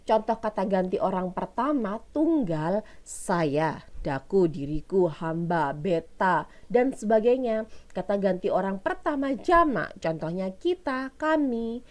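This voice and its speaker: A woman's voice: medium pitch, big pitch swings, measured pace, darkish tone. A woman teacher with an Indonesian accent giving a recorded lesson, explaining step by step and asking her pupils questions she answers herself.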